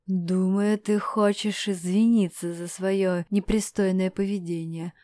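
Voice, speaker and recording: Brief: woman doing a loud leering male villain, storybook audiobook, dry close read. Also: mid-range voice, steady tone, a little slow, no echo, natural voice. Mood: sneering. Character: brash menacing male stranger, mocking villain.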